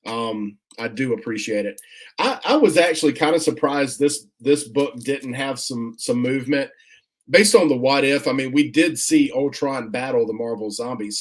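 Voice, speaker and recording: A man hosting a casual comic unboxing video. He talks in a relaxed, rambling way with many fillers and restarts, and often stops to thank viewers for their comments. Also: medium pitch, normal speed. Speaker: comic collector vlogger, host.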